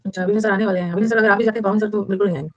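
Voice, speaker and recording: Indian lady teacher going over vocab words super fast, keeps repeating stuff, dry sound. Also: mid-range voice, fairly even intonation, darkish tone, no echo, muffled recording. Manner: repeats key words, mixes English into Hindi; chatty, asks the class questions. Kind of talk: online exam-prep vocabulary lesson.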